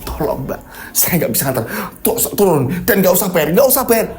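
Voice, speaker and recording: A man's voice: high voice, sing-song, fairly quick, music in the background. A man acting a frantic becak driver. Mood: pleading. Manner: shouting, panicky and exasperated. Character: frantic young male becak driver, expectant father.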